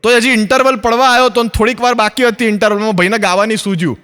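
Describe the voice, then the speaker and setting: With a high, steady, slightly bright and clean voice, an Ahmedabadi comic talks fast in his native Gujarati accent. The big-room sound comes from a stage filmed for a comedy recording in Ahmedabad, Gujarat, India's favorite son's set. He stays chatty and plays out both sides of his stories.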